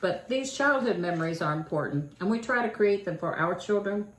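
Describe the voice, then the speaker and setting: A woman's voice: medium pitch, lively intonation, fairly quick. An older woman with a Kentucky accent, chatting in a folksy home vlog about her own childhood. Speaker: channel host. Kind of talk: casual home vlog chat. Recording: echoey room with faint noise.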